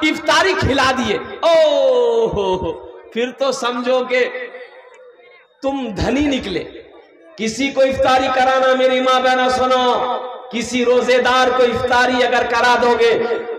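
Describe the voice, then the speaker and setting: A man's voice: extremely high pitch, a bit bright. A male preacher giving a humorous sermon, teasing the audience as he goes. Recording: echoey hall, far from mic.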